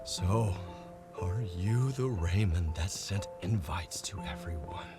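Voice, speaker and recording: A man's voice: sits low, expressive, slow pace, over loud music. Brooding young man. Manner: brooding, reflective inner monologue. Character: troubled young man searching for his father.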